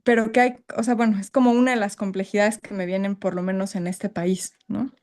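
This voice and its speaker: A woman's voice: medium pitch, steady tone, brisk, a little mellow. A woman speaks on a group video call, her voice sitting in an ordinary middle range. She is stirred up and keeps reaching for the right words, frank and reflective as she shares with the group. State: emotionally stirred. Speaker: workshop participant. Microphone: video call microphone.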